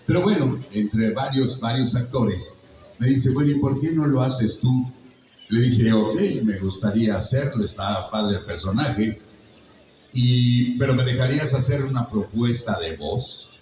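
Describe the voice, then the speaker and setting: An older man with a Mexican accent, a voice actor guest on a convention panel, tells stories to a live audience in a chatty, joking, teaching manner. His voice is medium-pitched and a little mellow. Recorded from far off in a large echoey convention hall, with slight background noise.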